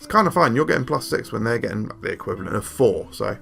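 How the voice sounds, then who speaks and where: Young guy rambling through a card game review, bright punchy voice, cracking jokes at himself. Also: mid-range voice, animated, quick pace, creaky, faint music behind. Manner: jokey, rambling, self-deprecating. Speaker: card game video host.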